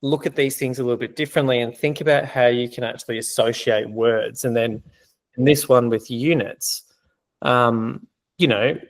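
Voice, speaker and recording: A man's voice: mid-range voice, steady tone, moderate pace. A man working as an exam prep tutor, explaining in a conversational way with many fillers during a casual teaching Q&A.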